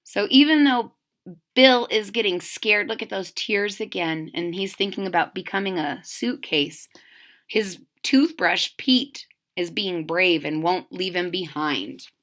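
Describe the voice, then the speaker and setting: Reading a picture book to young children, this woman gives the story plenty of expression and pauses to offer simple explanations and questions for her listeners. Her voice is on the low side, and her tone is fairly bright.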